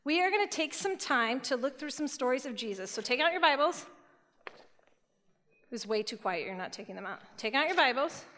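A woman giving a sermon to a youth group, retelling scripture stories in a lively, casual storytelling way. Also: sits high, normal speed. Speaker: youth speaker. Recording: long hall reverb.

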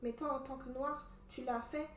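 A young woman from Cameroon telling a story in casual chat, animated and full of fillers. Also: sits high, normal speed, slight background noise. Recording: echoey room from a distance.

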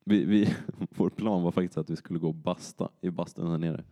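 A man's voice: low-pitched, fairly even intonation, mellow. A young man casually telling a long story on a podcast, rambling with fillers and acted-out quotes.

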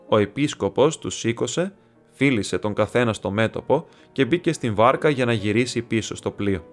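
A man narrating a classic short story in a calm, even reading voice, with faint music behind. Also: medium pitch. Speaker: audiobook narrator.

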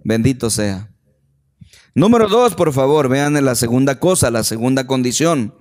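A man's voice: medium pitch, expressive, normal speed, darkish tone. A man preaching a sermon and putting emphatic rhetorical questions to the congregation in a church hall. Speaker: pastor. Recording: long hall reverb.

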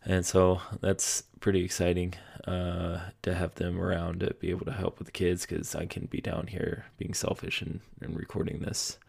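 A man's voice: sits low, monotone, normal speed, vocal fry, hardly any pauses, darkish tone, husky. A young man hosting his own podcast from home, rambling casually with lots of fillers and self-deprecating asides. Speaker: podcast host. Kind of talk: casual solo podcast monologue. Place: home basement room.

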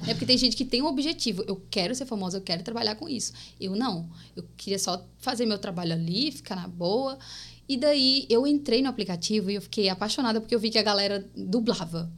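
Speaking fast in a mid-range voice, a young woman in her twenties from Paraíba, with a mixed Northeastern Brazilian accent, tells lively stories as a guest on a casual podcast. She often addresses listeners as "gente".

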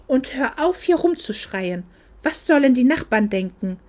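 A chilly, dismissive mother who speaks in curt, condescending tones, as a woman reads her part. The voice sits fairly high and stays controlled. It comes from a storybook reading. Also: big pitch swings, measured pace, mellow. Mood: cool, reproachful. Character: cold, dismissive middle-aged mother.

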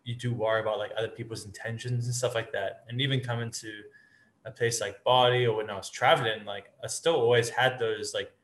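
A South African man hosts a casual podcast interview, his mid-range voice steady and fairly quick. He asks long, rambling questions and offers soft affirmations, and the recording has a roomy echo.

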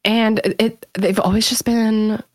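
A woman's voice: a little high, level tone, takes it slowly, dry recording. A woman in her thirties, a podcast guest, chatting candidly and laughing often. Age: 30s. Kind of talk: casual chat.

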